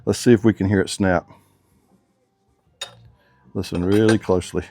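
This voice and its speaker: Mechanic, male, lowish voice, laid-back slangy shop talk, faint workshop noise behind. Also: fairly even intonation, normal speed, a little mellow. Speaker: motorcycle mechanic. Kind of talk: hands-on workshop demonstration.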